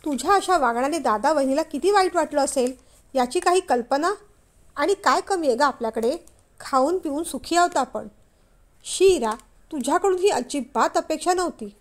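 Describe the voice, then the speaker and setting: A loud, stern middle-aged husband scolding his wife, as a woman narrator puts him on. The voice sits high and carries rebuke in every line. It belongs to a spoken storybook. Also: expressive, normal speed. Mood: stern, angry.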